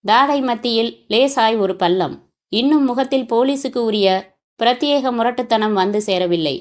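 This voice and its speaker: A woman narrating a crime novel in a steady storytelling manner. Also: fairly high pitch, normal speed. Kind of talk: audiobook narration.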